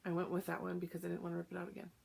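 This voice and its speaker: Breathless woman with a gravelly voice. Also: fairly low pitch, monotone, racing, darkish tone. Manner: chatty, lots of "um" fillers. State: short of breath. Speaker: cross-stitch vlogger. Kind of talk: casual show-and-tell chat.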